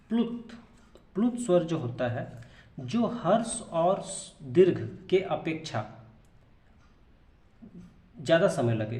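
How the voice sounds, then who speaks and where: A man's voice: on the high side, warm tone, roomy sound. A man teaching a grammar lesson, explaining patiently, repeating terms and answering his own questions.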